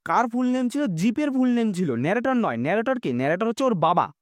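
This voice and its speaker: Male teacher, Bengali accent, patient explainer, high animated pitch. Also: brisk, no echo. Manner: explaining patiently, keeps asking "understood?". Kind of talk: exam-prep English lesson.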